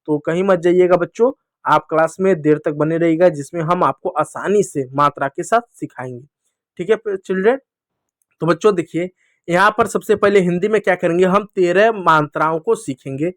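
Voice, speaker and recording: High-voiced patient male teacher. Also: dry recording, studio quality. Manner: patient, repeats sounds slowly, calls listeners children. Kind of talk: Hindi lesson for children.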